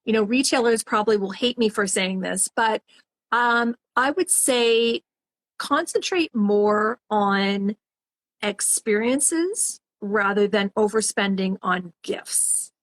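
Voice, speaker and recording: A woman's voice: mid-range voice, slow. A woman professional organizer, a guest on an interview, talking steadily and practically about decluttering. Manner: practical, advice-giving, steady. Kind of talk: casual interview chat.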